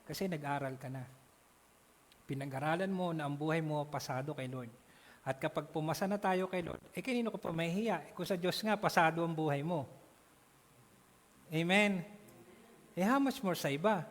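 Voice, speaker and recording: A man with a notably high voice leads a church Bible class, animated and often checking that his listeners follow. His voice carries a long reverb from a church hall.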